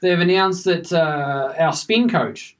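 Australian male podcast co-host, casual and rambling, voice a bit on the high side. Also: slow. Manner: rambling, animated, laughs often. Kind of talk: casual chat.

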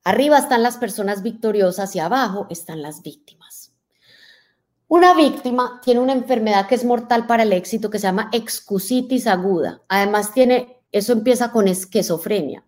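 A woman motivational speaker giving a talk to an audience, lively and full of rhetorical questions. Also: medium pitch, moderate pace.

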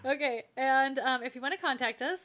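A woman's voice: high-pitched, brisk, a bit bright. Chatty woman podcast host. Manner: chatty, laughing often, many fillers. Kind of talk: casual chat.

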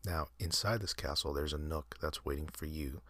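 A man hosting an ASMR channel, leading a soft, halting whispered guided meditation with many pauses and fillers. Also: very deep voice, dry recording. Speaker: ASMR host.

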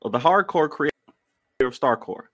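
A man's voice: fairly high pitch, lively intonation, normal speed, fairly bright tone. A man co-hosting a podcast in casual conversation. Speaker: podcast co-host, comic creator. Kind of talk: casual chat.

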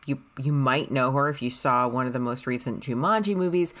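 A woman co-hosting a podcast in casual chat, explaining things in a lively, emphatic way. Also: very deep voice, brisk. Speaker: podcast co-host.

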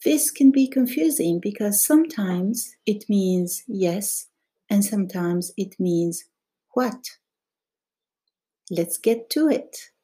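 A woman giving an explanatory language lesson as a teacher, speaking deliberately in short phrases with pauses. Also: mid-range voice, lively intonation, warm tone, breathy edge.

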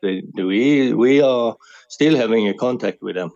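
Hesitant man, mellow voice. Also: medium pitch, lo-fi sound. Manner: hesitant, searches for English words. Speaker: interviewee, pilgrim. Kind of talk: casual chat.

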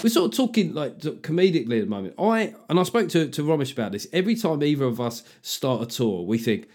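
A man's voice: on the high side, sing-song, fast, music in the background. A man hosting a podcast, a stand-up comedian chatting casually with sardonic, sweary jokes. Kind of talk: casual chat.

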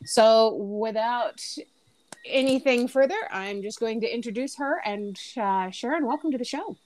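A woman's voice: a little high, unhurried, a little mellow. A woman hosting an interview show, enthusiastic and encouraging toward her guest. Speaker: podcast host.

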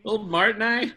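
A man's voice: high-pitched, bright, forceful tone, a little hiss or hum. A man improvising at a mock press conference, ranting and swearing in a jokey way. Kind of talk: improv comedy.

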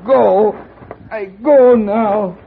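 Slow, high-voiced, vengeful young man. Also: vocal fry, full character voice. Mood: desperate. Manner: halting, clipped threats in simple English. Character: vengeful young man with a knife, wild and desperate. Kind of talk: old-time radio western acting. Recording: tinny, noisy vintage radio recording.

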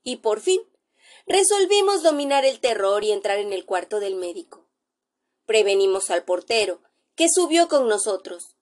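A woman reading a classic short story aloud as narrator, in a measured storytelling manner with dramatic pauses. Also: medium pitch, a little mellow.

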